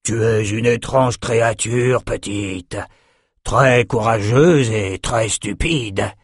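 A man voicing an ancient, huge male dragon that speaks slowly and menacingly in an audiobook. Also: lowish voice, no echo, clean studio sound. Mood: measured. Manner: slow, roaring, menacing. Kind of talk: audiobook character voice.

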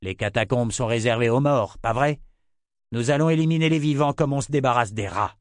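A man voicing a young male lord who speaks urgently and forcefully. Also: mid-range voice, moderate pace, dry recording, clean studio sound, pitched above the performer's own voice, close to an everyday voice.

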